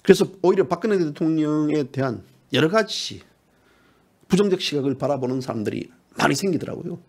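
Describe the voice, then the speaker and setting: Animated and fairly quick, with a slightly mellow voice, this male party politician gives a passionate political talk. He hammers his points emphatically, says things more than once, and rises into high, pleading pitches.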